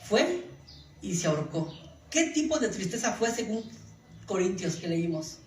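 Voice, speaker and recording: A man's voice: high-pitched, big pitch swings, unhurried, slight background noise. A male pastor preaching a sermon to his congregation. He uses rhetorical questions and acts out short quotes. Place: church hall. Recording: echoey room mic from far off, faint ambience.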